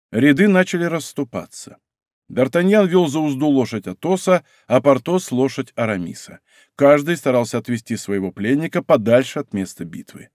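Expressive male audiobook narrator, mid-range voice, dry booth. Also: mid-range voice, no echo. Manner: expressive, theatrical.

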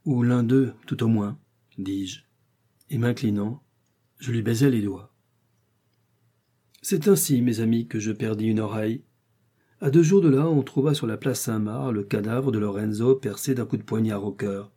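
A man narrating a classic adventure story in the first person, in measured literary storytelling. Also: on the low side, mellow, slightly rough. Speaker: audiobook narrator. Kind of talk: scripted narration.

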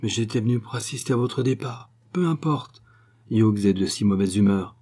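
Guy voicing an awkward breezy captain, dodging, dark husky voice. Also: lowish voice, normal speed. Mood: evasive. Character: awkward easygoing captain friend, evasive.

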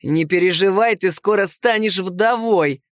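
A woman reading aloud and voicing an arrogant, boorish young werewolf man with a slow, leering, self-assured drawl. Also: on the low side, expressive, no room sound, clean studio sound. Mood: smug. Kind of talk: audiobook character voice.

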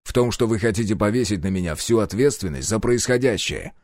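A man's voice: fairly low pitch, expressive, a little fast, a little mellow, no echo, studio quality. Man voicing a blunt, defiant hero. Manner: blunt, gruff, defiant, swears. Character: blunt stubborn reluctant man, first-person hero.

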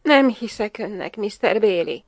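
A woman's voice: mid-range voice, animated, no room sound, natural voice. A woman voicing a proud, insistent noblewoman in an audiobook, recorded dry and close. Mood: indignant. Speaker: voice actor in audiobook. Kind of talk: audiobook dialogue reading.

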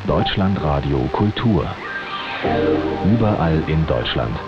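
A man giving a station ident in a slow, deliberate announcing voice, heard through a distant mediumwave AM radio broadcast. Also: extremely low pitch, big pitch swings, lo-fi sound. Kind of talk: station ident over music. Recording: AM radio broadcast over loud music.

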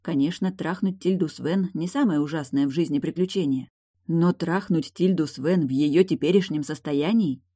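A woman reading a novel aloud in a steady, matter-of-fact audiobook narration. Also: low voice, normal speed, slightly rough, dry recording, clean studio sound. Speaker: audiobook reader.

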